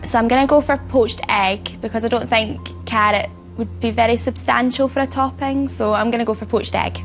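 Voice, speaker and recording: A woman in her twenties, a quiz contestant, reasoning her answers aloud with thoughtful pauses. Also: a little high, fairly even intonation, soft background music. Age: 20s. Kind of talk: game show answers and chat.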